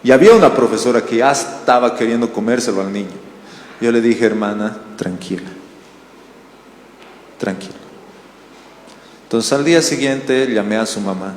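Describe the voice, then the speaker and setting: A male pastor from Bolivia delivers a sermon at an ordinary mid pitch. He tells stories and keeps asking the congregation questions. His voice carries long reverb through a roomy church hall over a faint background murmur. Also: fairly quick, slight background noise. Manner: animated storytelling with questions to the congregation.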